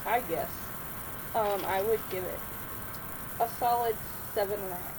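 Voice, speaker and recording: A woman co-hosting a laid-back game review, chatting easily and often breaking into laughter. Her voice sits at an ordinary middle pitch. A steady layer of background noise runs under the recording. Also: moderate pace. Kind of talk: casual chat. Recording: noisy background hiss.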